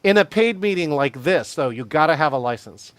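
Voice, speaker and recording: A man with a fairly high voice hosts a live online training session. He talks energetically, chuckles often and calls on participants by name. His sound is close and dry, coming through a video call. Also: fairly quick, clear, resonant tone, no room sound. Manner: energetic, laughs often, addresses attendees by name. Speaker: virtual meeting trainer. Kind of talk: live webinar presentation.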